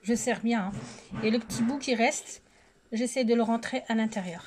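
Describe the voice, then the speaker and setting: A woman, hoarse from a sore throat, talks casually and a little hesitantly through a step-by-step cooking tutorial. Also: a little high, moderate pace, darkish tone. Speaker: home cooking vlogger. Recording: clearly noisy home recording with clicks.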